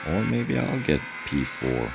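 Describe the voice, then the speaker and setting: A man giving casual gameplay commentary, relaxed and thinking aloud with frequent pauses. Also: rumbling low, creaky, very noisy. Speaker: gaming channel host.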